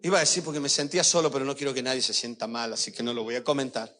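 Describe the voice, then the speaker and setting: Rapid-fire and sharp in tone, an older pastor with a steady, mid-range voice delivers an emotional sermon, recounting personal stories and addressing his congregation head-on.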